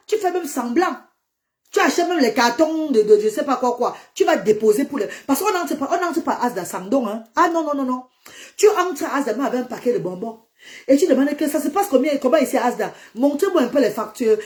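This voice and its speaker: A woman's voice: high voice, darkish tone. Defiant woman on a livestream. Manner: defiant, emphatic, slips into English. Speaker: charity founder on a livestream. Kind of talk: live social media monologue.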